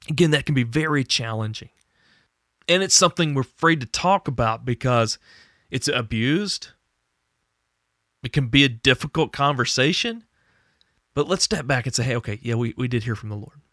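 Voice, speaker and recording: A man's voice: mid-range voice, bright, forceful tone, no echo, studio quality. A man who hosts a faith podcast and was once a pastor, speaking in an earnest, conversational monologue with small restarts. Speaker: podcast host and former pastor.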